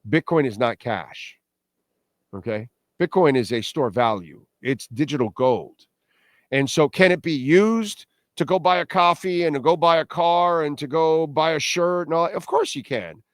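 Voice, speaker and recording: A man's voice: fairly high pitch, measured pace, no echo, clean studio sound. A man hosting a crypto show in a casual, opinionated monologue, speaking emphatically with rhetorical questions, repetition and blunt, self-deprecating slang.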